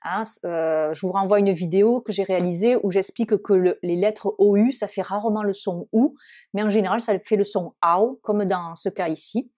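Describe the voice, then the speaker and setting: A woman teaching English vocabulary in French, with many hesitant fillers, slowing down to model each English word. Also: mid-range voice, dark tone. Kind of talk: vocabulary lesson.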